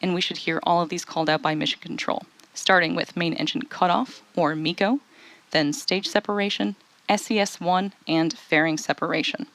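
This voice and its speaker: A woman presenting live launch commentary as a webcast host, explaining things in a clearly enunciated presenter style. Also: fairly low pitch, steady tone, moderate pace, a bit bright, no echo.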